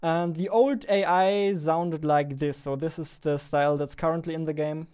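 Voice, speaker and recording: A man's voice: on the high side, fairly even intonation, moderate pace, darkish tone, smooth. Chatty German-accented young man. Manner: chatty, self-deprecating, laughs often. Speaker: game developer vlogger. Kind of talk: casual vlog.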